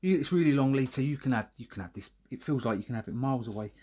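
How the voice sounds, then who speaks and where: A man's voice: medium pitch, expressive, rapid-fire, dark tone, slightly rough. A man reviewing a product in a casual, rambling vlog, a little out of breath and filming himself alone indoors. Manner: chatty, rambling, with restarts.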